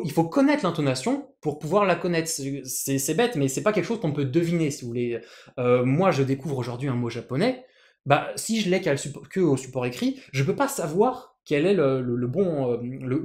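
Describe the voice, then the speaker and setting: Language teacher going over pitch accent step by step, patient, lots of little restarts, roomy echo. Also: a little mellow. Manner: patient, repeats words and restarts phrases. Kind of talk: explanatory lesson with written examples.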